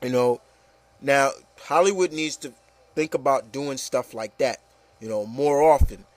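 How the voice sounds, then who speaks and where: Hosting his opinion show, a man holds forth in a relaxed but emphatic way, circling back over his points and sprinkling in plenty of "you know". He speaks at a medium pitch and measured pace, recorded without echo.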